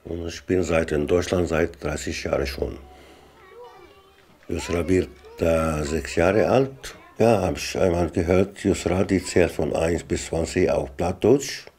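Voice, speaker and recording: A father from Lebanon speaks, in simple, warm-hearted words. His voice sits very low. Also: a little slow, slightly rough. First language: Arabic. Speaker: parent.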